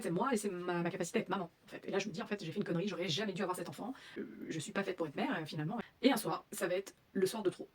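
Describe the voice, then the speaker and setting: A woman's voice: fairly low pitch, husky. A young woman telling her own story as a mother, hesitant, with many fillers and restarts. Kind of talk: personal testimony.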